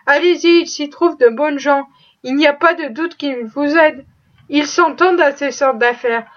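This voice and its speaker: A woman voicing a rough but kind-hearted older farmer who talks bluntly and swears. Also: high voice, moderate pace, fairly bright tone. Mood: gruff. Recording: dull lo-fi recording.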